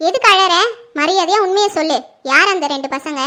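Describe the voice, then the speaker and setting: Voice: very high voice, fast. A performer doing a furious scolding mother. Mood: angry, accusing. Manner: sharp, accusing and demanding. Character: furious middle-aged mother, suspicious and scolding. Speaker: neighbor and mother in a family skit. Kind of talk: home-made Tamil family skit acting.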